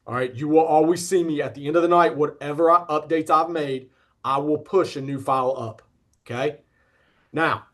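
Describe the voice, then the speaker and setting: A man in his thirties leads an online class in an easygoing way, often stopping to ask "okay?". His voice sits a little high for a man, and it comes through a computer mic on a video call. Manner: relaxed, repeats "okay?" to check in. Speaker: instructor.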